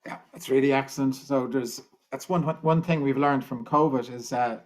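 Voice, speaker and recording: A man's voice: mid-range voice, normal speed. A man moderating an online panel over a video call, friendly and informal, talking in a loose, rambling way. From Ireland.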